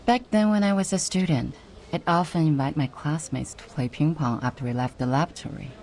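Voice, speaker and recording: A woman's voice: low-pitched, brisk, darkish tone. An actress playing a composed woman official who fondly recalls her student days, in a game. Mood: nostalgic. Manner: reflective, nostalgic. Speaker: game character.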